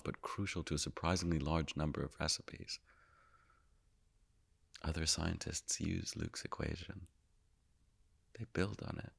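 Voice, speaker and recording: An actor playing the Higgs boson as a calm, all-knowing narrator, telling his story in a measured way and sinking often into hushed whispers. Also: a bass voice, creaky, slightly rough, heavily acted. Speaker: actor performing a stage monologue. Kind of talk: theatrical monologue.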